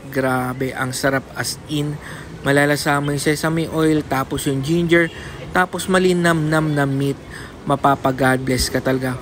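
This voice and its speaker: A man's voice: fairly high pitch, noisy background. A man with a Filipino accent giving a casual food review with his mouth full of food, chatting to his viewers. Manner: chatty, repeatedly addresses viewers. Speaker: food vlogger. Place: restaurant.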